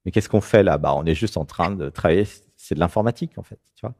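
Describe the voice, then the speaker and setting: A French host of a spiritual talk show talks rapidly in a low-pitched voice while guiding a caller. Lively and engaged, he keeps checking in with "tu vois."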